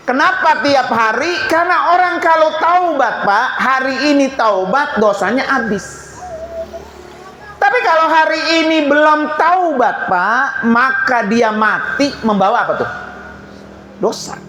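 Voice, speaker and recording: A man's voice: extremely high pitch, pushed and bright. A man preaching at a memorial prayer gathering. He talks in a colloquial way, asking the crowd questions and answering them himself. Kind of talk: sermon at a seven-day memorial prayer gathering. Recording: echoey room with faint background noise.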